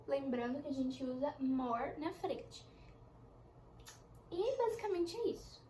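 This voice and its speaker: A young woman teaching an English lesson in a chatty way, explaining slowly with examples. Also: high voice, darkish tone, a little hiss or hum. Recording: echoey room with faint ambience.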